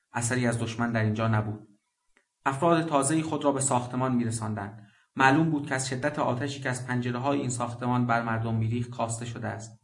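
A man narrates a literary story in a measured, deliberate reading. His voice sits at an ordinary middle pitch. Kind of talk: scripted narration.

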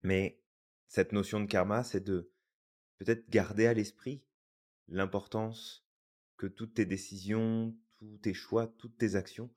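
Man, very low voice, podcast co-host, reflective, hesitant delivery. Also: flat delivery, takes it slowly, darkish tone. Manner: thoughtful, hesitant, many fillers and restarts.

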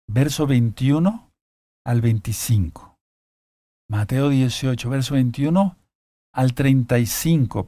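Guy preaching a bible lesson, mellow low-key voice, reads verses then chats to listeners, dry close sound. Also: creaky, slightly rough, no echo. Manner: reads scripture aloud, breaking off with asides to listeners; slow, deliberate, repeats key phrases. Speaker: Bible teacher. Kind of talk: sermon-style Bible teaching.

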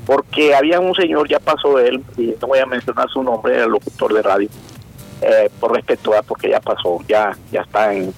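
A man with a Honduran accent calling in to a radio show, halting and often repeating words as he searches for them. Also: mid-range voice, fairly even intonation, vocal fry, breathy edge, faint music behind, poor audio. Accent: Honduran Spanish. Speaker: radio caller. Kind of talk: call-in opinion.

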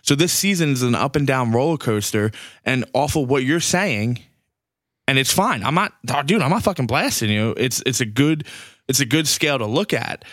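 A man co-hosting a sports podcast. He vents his frustrations in a loose, profane, exasperated rant. His voice sits at an ordinary pitch in a dry, dead room. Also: animated, normal speed, fairly bright tone, no echo. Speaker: podcast co-host. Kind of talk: casual sports chat.

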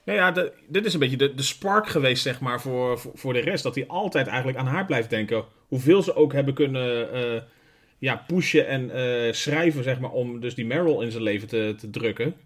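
A Dutch man co-hosting a podcast, chatting about a film with lots of filler phrases. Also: medium pitch. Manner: quick, chatty, many fillers like "zeg maar". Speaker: podcast co-host. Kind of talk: casual film discussion.

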